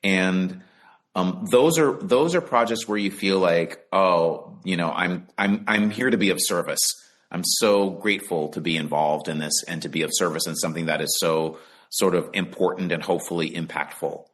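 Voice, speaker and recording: Speaking over a video call in an easygoing interview, a deep-voiced Bahamian audiobook narrator and actor reflects on his work with considered pauses.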